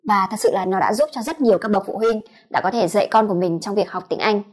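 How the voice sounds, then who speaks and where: A woman with a Vietnamese accent teaching a pronunciation lesson, sounding out each sound slowly and repeating it. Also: medium pitch, a little mellow, breathy edge. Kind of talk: explanatory lesson.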